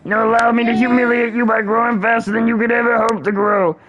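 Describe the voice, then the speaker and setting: A man's voice: very high voice, little pitch movement, fast talker, a bit bright, faint music behind, rough recording. A man voicing a boastful plant monster in a game, obsessed with having rivals and speaking grandly. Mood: grandiose. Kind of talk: reading a dating game aloud.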